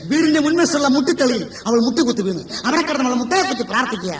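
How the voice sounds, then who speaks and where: A man's voice: very high voice, lively intonation, very fast. A man narrating a story dramatically on stage and addressing the audience directly. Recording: echoey live stage from far, loud music.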